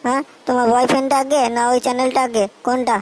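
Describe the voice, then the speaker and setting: A high-voiced, melodramatic young boyfriend, played by a woman in a comedy sketch. He pleads for attention and sinks into self-pitying laments. His talk is sulky and theatrical. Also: level tone, racing, a little hiss or hum, lightly acted, low-quality recording. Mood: whiny. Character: lovesick young male boyfriend, whiny and melodramatic.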